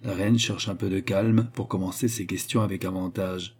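Male audiobook narrator, measured, husky timbre. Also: low voice, steady tone. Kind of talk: audiobook reading.

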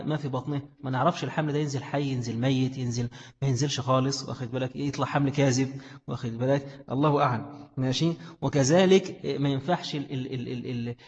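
A man with an Egyptian accent teaching a classroom lesson, explaining a text and asking questions that he answers himself. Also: medium pitch. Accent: Egyptian Arabic. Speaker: religious studies teacher. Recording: echoey hall, dull lo-fi sound.

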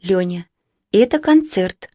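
A woman's voice: mid-range voice, lively intonation, takes it slowly, mellow, husky, no echo. A woman voicing a stern, serious schoolgirl in a storybook reading. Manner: stern, terse.

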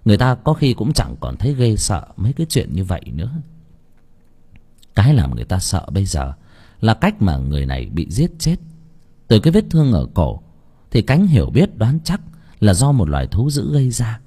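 A man narrating an audiobook story with a dramatic, expressive delivery. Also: lowish voice, fairly quick, breathy edge.

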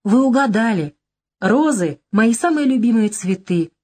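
A woman reading an audiobook, voicing a lively, ironic young woman in a brisk, teasing manner. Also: a little high, pitched above the performer's own voice. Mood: delighted. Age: young adult. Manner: brisk, teasing, bright lilt. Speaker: audiobook character.

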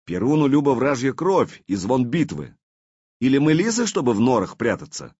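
A man voicing a fierce, gruff veteran captain eager for battle. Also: medium pitch, sing-song, normal speed, mellow, dry recording, dull audio, pitched above the performer's own voice. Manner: gruff, warlike.

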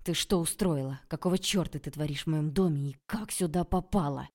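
A woman's voice: low voice, brisk, darkish tone. A woman reading an audiobook, voicing a stern powerful man who barks orders in anger. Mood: angry. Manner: barking, commanding.

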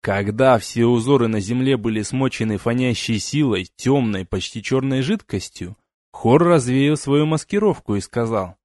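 A man's voice: mid-range voice, normal speed, darkish tone, dry recording. Male audiobook narrator, dry and close. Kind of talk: first-person fantasy audiobook narration. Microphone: home studio mic.

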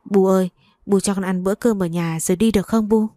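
A woman's voice: medium pitch, fairly even intonation, fast talker, mellow, dry recording, clean studio sound, lightly acted. A woman reading a young daughter-in-law in a storybook tale, pleading.

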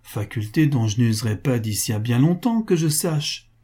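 A man's voice: mid-range voice, expressive, moderate pace, warm tone, breathy edge. Man playing a cynical, wheedling financier. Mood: coaxing. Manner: wheedling, mock-jovial, coldly insistent. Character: cynical wealthy male financier, falsely affectionate.

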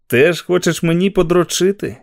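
A bitter, exhausted young male walker speaks in a low, gravelly voice, as a male narrator reads him. The sound is close and dry. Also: normal speed, dark tone, no echo.

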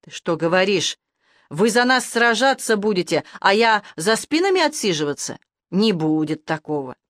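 A woman's voice: medium pitch, big pitch swings, moderate pace, fairly bright tone, dry recording, clean studio sound. A woman voicing a bold, confident young male werewolf. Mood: defiant. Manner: confident, defiant.

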